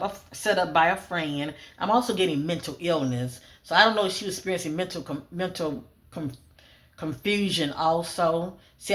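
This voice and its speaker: Psychic reader host, mid pitch, casual monologue of choppy keyword cues, repeats and rereads often. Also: a bit bright. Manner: lists clipped fragment cues, often "I'm getting"; casual, repeats phrases, frequent "um" fillers. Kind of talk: solo psychic reading, spoken monologue.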